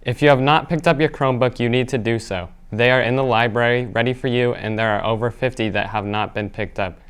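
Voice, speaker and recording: A man's voice: mid-range voice, a little fast, smooth. A teenage boy anchoring a student newscast, reading school announcements steadily with small slips. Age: teens. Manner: steady read-aloud delivery with small slips. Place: school studio.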